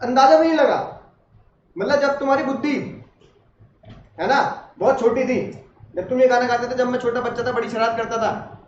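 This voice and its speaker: High-voiced man teaching a lively class. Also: moderate pace, pauses often, slight background noise. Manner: chatty, asks the class questions and jokes. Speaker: law teacher. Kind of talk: classroom lecture. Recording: roomy, distant, dull classroom recording.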